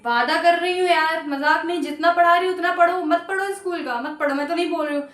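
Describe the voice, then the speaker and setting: Young female tutor, high voice, friendly coaxing patter, recorded in an echoey room. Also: fairly even intonation, fast talker, a bit bright. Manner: chatty, coaxing, repeats promises and guarantees. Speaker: maths teacher. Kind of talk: casual online lesson.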